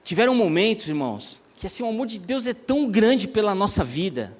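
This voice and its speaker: A pastor with a fairly high voice tells his testimony. He speaks earnestly and conversationally. He often turns to his listeners and calls them "my brother". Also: very animated, fairly quick. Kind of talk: personal testimony preaching.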